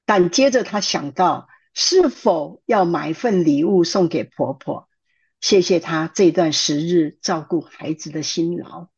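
A middle-aged woman, a church counselor telling a testimony in lively sermon-style storytelling, with fillers and acted quotes. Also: on the low side, a little slow, husky. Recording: dull lo-fi recording.

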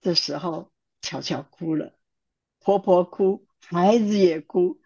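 A middle-aged woman, a church counselor telling a testimony in lively sermon-style storytelling, with fillers and acted quotes. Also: lowish voice, takes it slowly, husky. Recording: dull lo-fi recording.

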